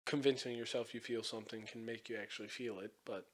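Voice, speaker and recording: A man's voice: mid-range voice, fairly even intonation, quick pace. A young man hosting a casual podcast chat, rambling with lots of fillers and frequent swearing. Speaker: podcast host.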